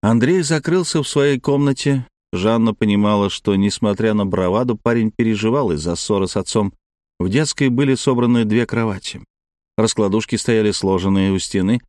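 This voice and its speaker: A man narrating an audiobook in a measured, even storytelling manner. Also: fairly low pitch, no room sound, studio quality. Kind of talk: scripted narration.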